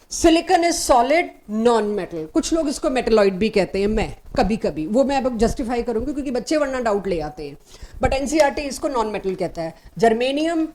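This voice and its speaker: A woman's voice: fairly high pitch, a little mellow. A woman teaching chemistry in a recorded lecture, walking through each step and asking questions she then answers herself. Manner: mixes English terms into Hindi speech.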